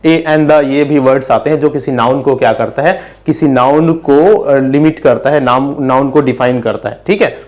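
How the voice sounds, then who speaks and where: A man teaching English grammar in Hindi. He asks and answers his own questions and slows down to spell out the English examples. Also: mid-range voice, darkish tone.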